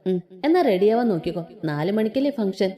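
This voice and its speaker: A woman's voice: medium pitch, expressive, a little fast, dark tone, lightly acted. Woman doing a fussing middle-aged mother. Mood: cautioning. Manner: fussing, cautioning.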